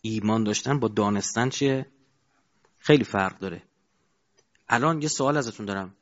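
Man preaching a lively sermon, lo-fi. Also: on the low side. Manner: asks the audience rhetorical questions, shifts between loud and quiet. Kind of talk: colloquial sermon with anecdotes. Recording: dull lo-fi recording.

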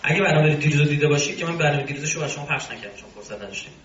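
A man's voice: on the high side, animated, a bit bright. A male religious commentator who gives an argumentative lecture, breaking off now and then into mocking asides. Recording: roomy, distant, dull sound.

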